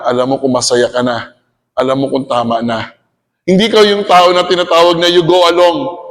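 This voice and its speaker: High-voiced Filipino man lecturing in a hall. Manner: animated, asks the audience "okay?" often, switches between Tagalog and English. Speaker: teacher giving a seminar talk. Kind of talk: lecturing to an audience, mixing in personal stories.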